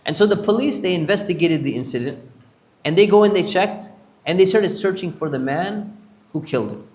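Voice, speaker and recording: A man's voice: sits high, expressive, a little fast, a little mellow, reverberant. A sheikh telling prophet stories to a congregation, acting out the characters' lines as he goes. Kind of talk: storytelling lecture. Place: Islamic center hall.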